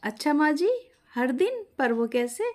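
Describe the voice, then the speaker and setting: A woman's voice: sits high, very animated, measured pace, a little mellow, voice pushed up. A woman voicing a polite, naive new young bride in a family story. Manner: polite, respectful.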